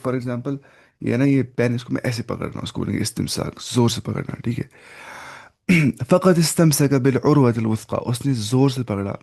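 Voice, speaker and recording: A man teaches a Quran lesson in Urdu, breaking down word meanings step by step and posing questions he then answers himself. He mixes in English words and recites Arabic phrases slowly, his medium-pitched voice creaky and darkish.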